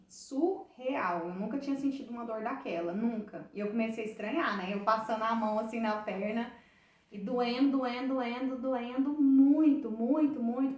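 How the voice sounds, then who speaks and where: A woman's voice: a little high, darkish tone, reverberant, far from the mic. A woman with a Brazilian Portuguese accent giving an emotional church testimony to a group of women, retelling it with heartfelt repetition and many restarts.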